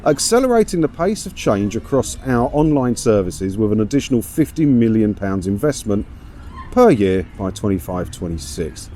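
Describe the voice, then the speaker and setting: A man with a lowish, mellow voice and wide pitch swings talks at a normal speed. He's a vlogger hosting a commentary video, strolling around an English seaside town and grumbling sardonically about the news, often asking rhetorical questions. Windy street noise runs through the outdoor recording.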